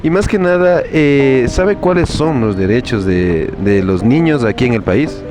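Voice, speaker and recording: A man's voice: medium pitch, lively intonation, measured pace, music in the background. A man interviewing passers-by on the street, asking formal and sometimes stumbling questions about parents' rights.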